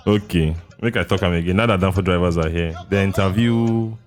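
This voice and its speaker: A Nigerian man with a very deep, low voice talks loosely on a podcast, laughing a lot. He drifts in and out of pidgin as the chat rolls on. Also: fairly quick, faint music behind. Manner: laughs often, switches into pidgin. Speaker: podcast co-host. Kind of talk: casual chat.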